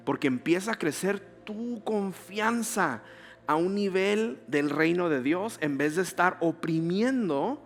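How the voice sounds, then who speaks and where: A male pastor, preaching a conversational sermon full of rhetorical questions. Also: high-pitched.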